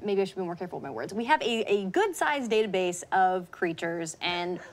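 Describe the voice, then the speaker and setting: A woman's voice: lowish voice, lively intonation, brisk. Chatty woman co-hosting a live stream. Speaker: live show co-host. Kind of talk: casual live stream chat.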